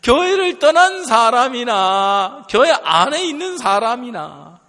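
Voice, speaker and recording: Male pastor, high and lively voice, slow deliberate delivery, sermon storytelling in a reverberant church. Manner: animated storytelling, quoting others, laughing at times. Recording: long hall reverb.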